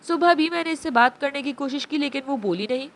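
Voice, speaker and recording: Give me a tender, soothing young mother figure with a high voice, from a woman reading a novel. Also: lively intonation, fast. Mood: worried. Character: gentle young woman, loving new stepmother.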